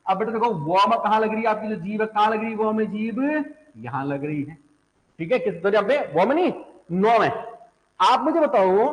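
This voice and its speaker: A young adult man teaching a class, asking students questions, answering them himself and repeating syllables aloud. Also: high voice. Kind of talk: classroom lecture on Hindi phonetics. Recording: echoey classroom.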